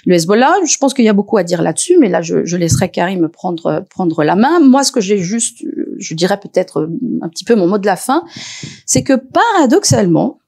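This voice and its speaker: A woman researcher speaking as an expert on a panel, lively and animated, often pausing with hesitations and restarts. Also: medium pitch, vocal fry. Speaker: researcher and lecturer. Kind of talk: expert talk at a panel discussion.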